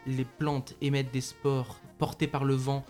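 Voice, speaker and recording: A man's voice: mid-range voice, little pitch movement, a little slow, a little mellow, faint music behind. A man co-hosting a casual film podcast, talking with many fillers and restarts and laughing often. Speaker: podcast co-host.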